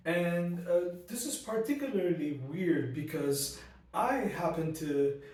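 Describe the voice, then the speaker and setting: A male booktuber with a high, slightly mellow voice gives a casual, ranty spoken book review, slow yet animated and full of fillers and restarts. He sits a step back from the mic in a very echoey room, with faint hiss or hum. Arabic is a second language for him, not his first.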